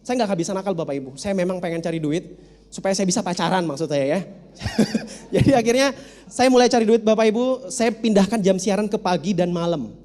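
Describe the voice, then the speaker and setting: Speaking straight to the crowd with plenty of humor, this man presents a storytelling seminar as a motivational speaker. His high, warm voice moves quickly and rings through a reverberant hall.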